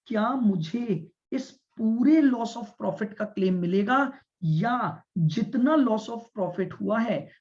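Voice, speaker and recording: High-voiced male commerce teacher lecturing. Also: a little mellow. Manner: explains step by step, repeats points and checks understanding with students; speaks deliberately and stresses listening. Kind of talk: classroom lecture. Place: classroom with students. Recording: dull lo-fi lecture recording.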